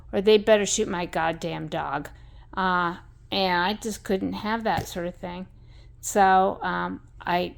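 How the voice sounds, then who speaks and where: A woman's voice: mid-range voice, vocal fry, clear, resonant tone. A woman telling a rambling story in a blunt, salty way, full of fillers and asides. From American West.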